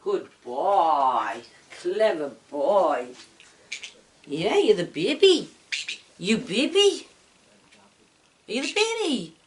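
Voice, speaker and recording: A woman's voice: on the low side, very animated, drawn-out words, long pauses. A woman at home, coaxing and praising her pet bird in a sing-song baby-talk voice. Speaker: pet owner. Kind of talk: casual chat to a pet bird. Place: indoors at home.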